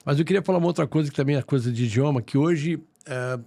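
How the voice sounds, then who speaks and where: A man's voice: on the high side, fast, vocal fry. A man in his seventies with a Brazilian Portuguese accent, a former university professor chatting on a podcast and acting out quotes as he tells stories. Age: 70s. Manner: lively storyteller, acts out quoted speech. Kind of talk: casual podcast chat.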